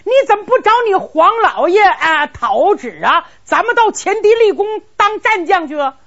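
A woman's voice: very high voice, very animated, moderate pace, fairly bright tone, pitched above the performer's own voice, exaggerated voice. Woman doing lisping scheming teenage boy. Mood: excited scheming. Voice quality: lisp. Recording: dull lo-fi recording.

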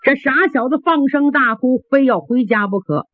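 An animated storyteller whose pitch leaps all over the place. The voice is a bit husky, and the recording is dry and phone-thin. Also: moderate pace, no echo. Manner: lively, swooping delivery. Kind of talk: traditional Chinese storytelling. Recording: dry, tinny phone-like sound.

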